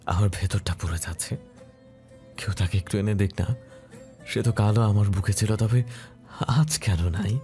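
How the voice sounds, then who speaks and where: A man's voice: lowish voice, fairly even intonation, normal speed, long pauses, warm tone, soft background music, natural voice. A man voicing a young doctor husband in a romantic audio story, speaking tenderly. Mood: anguished. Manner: tender, then anguished and tearful.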